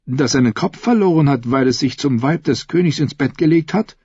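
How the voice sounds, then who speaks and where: A man's voice: on the high side, animated, a little fast, darkish tone, slightly rough, no room sound, pitched above the performer's own voice. Blunt, brash knight, read by a man. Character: bold, coarse young knight. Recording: dull, dry recording.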